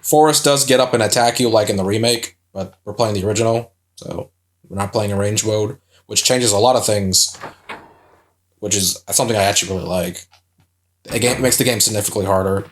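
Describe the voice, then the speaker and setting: This young man hosts a let's play, casually commenting on a game as he plays it. His voice is lowish and a little fast, and he jokes, swears freely, and laughs at himself.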